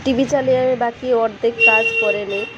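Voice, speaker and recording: A woman's voice: fairly high pitch, fairly even intonation, fast, dull audio, very noisy. A woman filming a casual home vlog, whispering at first and then sing-song baby talk to her toddler. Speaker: vlogger mother.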